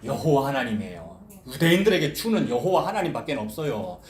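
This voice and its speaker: A man's voice: medium pitch, sing-song, fairly quick, reverberant. A man preaching a sermon as pastor, asking the congregation questions and acting out quoted voices. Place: church sanctuary.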